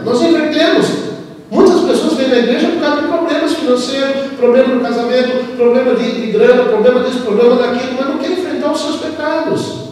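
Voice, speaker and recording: A man preaching a sermon with a Brazilian Portuguese accent, swinging between loud exhortation and quiet asides and acting out the voices of his congregants. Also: very high voice. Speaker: pastor. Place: large church hall. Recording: echoey hall, distant mic, faint noise.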